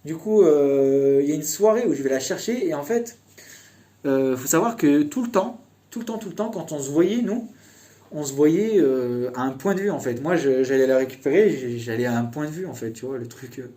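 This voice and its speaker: A man's voice: on the high side, lively intonation, moderate pace, dark tone. A young man casually telling a personal story in a chatty, meandering way.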